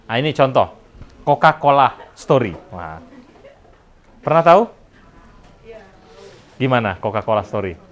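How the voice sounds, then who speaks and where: A man's voice: medium pitch, expressive, unhurried, long pauses. A middle-aged man giving a chatty university lecture, slipping in English phrases and laughing at his own jokes. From Indonesia. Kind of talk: classroom lecture.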